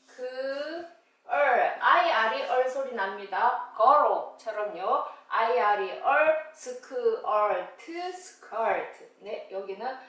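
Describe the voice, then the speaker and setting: A woman with a slightly high voice teaches phonics at a very slow pace, stretching each sound apart syllable by syllable. She sounds a little far from the mic in a very echoey room. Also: lively intonation, fairly bright tone. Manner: drawn-out, syllable-by-syllable sounding out of words. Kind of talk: slow instructional phonics lesson.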